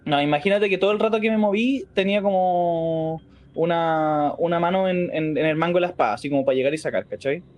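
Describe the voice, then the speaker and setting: A man with a Chilean Spanish accent, a player in a tabletop role-playing game, talking excitedly and casually. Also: a little high, brisk, no room sound. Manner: excitable, jumpy, laughs a lot. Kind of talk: casual role-play chat.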